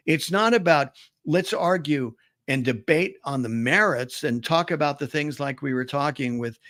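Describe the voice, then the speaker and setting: Gravelly talk-radio host, chatty. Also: male voice, fairly high pitch, fairly bright tone, dry recording, clean studio sound. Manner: conversational, storytelling, opinionated. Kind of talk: casual talk-radio commentary.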